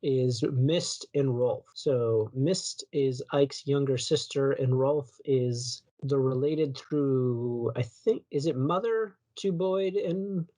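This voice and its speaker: A man co-hosts a casual podcast about video games. His voice sits at a middling pitch, and he rambles loosely, often stopping to restart a sentence. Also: slow pace, hardly any pauses, dark tone. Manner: rambling, self-correcting, loose. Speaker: podcast co-host.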